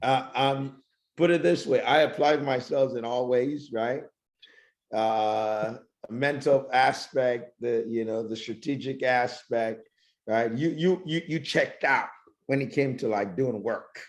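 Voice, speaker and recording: A man's voice: mid-range voice, slow. Teasing man in mid-range voice. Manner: teasing, laughing, repeats himself. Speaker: podcast co-host. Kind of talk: casual chat.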